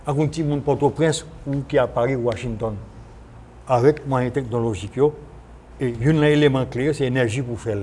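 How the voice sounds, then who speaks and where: Haitian man explaining haltingly, noisy recording. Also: mid-range voice, darkish tone. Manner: explanatory, halting with repetitions and self-corrections. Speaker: guest, former senator. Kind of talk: unscripted radio interview discussion, switching between French and Creole. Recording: noisy archive broadcast recording.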